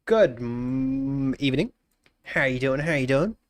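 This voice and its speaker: Speaking at a measured pace with an expressive medium pitch, this stuffy-nosed guy in his twenties jokes around on a live stream and gives chat a warm welcome. He tends to mumble his way out of sentences, and there's no room sound.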